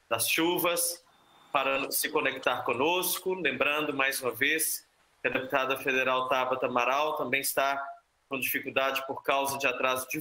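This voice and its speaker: Bright-voiced Brazilian man moderating. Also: medium pitch. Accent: Brazilian Portuguese. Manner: measured, courteous announcements. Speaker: seminar moderator. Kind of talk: formal event moderation. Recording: echoey room.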